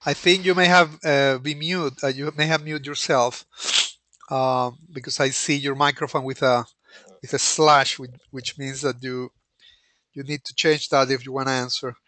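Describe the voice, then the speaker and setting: A man teaching an online lecture as the instructor, speaking hesitantly with many pauses and restarts into a computer microphone. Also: medium pitch, fairly even intonation, sharp tone, dry recording.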